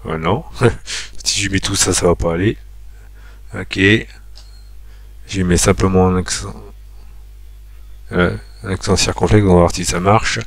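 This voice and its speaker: A man giving a screen-recorded spreadsheet tutorial, thinking aloud with many pauses and fillers as he talks viewers through each step. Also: deep voice, steady tone, no room sound.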